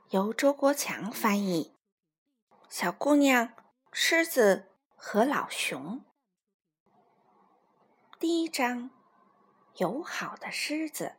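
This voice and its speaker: A woman narrating a children's storybook, reading in an expressive, drawn-out way for young listeners. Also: a little high, husky.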